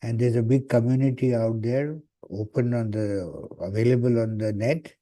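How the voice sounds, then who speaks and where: A man's voice: mid-range voice, steady tone, moderate pace, warm tone. A man giving an online lecture, heard over a video call, hesitant with frequent "uh" fillers. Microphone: computer mic on a video call.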